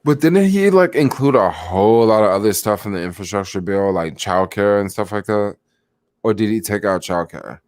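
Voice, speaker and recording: Young dude livestreaming stock picks, kinda sleepy, lowish voice, rambly, lots of likes and you knows. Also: male voice, lively intonation, normal speed, a little mellow, no echo, clean studio sound. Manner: rambling, lots of fillers, reacts to chat. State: sleepy, yawning. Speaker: stock vlogger. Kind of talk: casual livestream chat about stocks.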